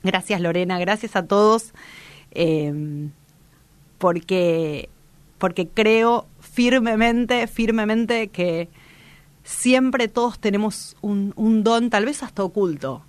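A woman's voice: medium pitch, slow pace, dry recording. A woman radio host, giving a reflective motivational talk in a strong, powerful voice, direct and vehement with many restarts.

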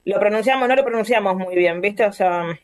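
A woman's voice: mid-range voice, brisk, dry recording. A woman with a Rioplatense accent, guest artist on a casual video call, talking in a rambling way and searching for words. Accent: Rioplatense Spanish.

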